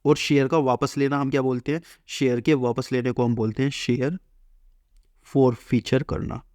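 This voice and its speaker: Explaining accounting at a brisk clip, this male commerce teacher has a steady, darkish, mid-range voice. He poses his own questions, supplies the answers, and acts out the company's lines, all captured in clean studio sound with no echo.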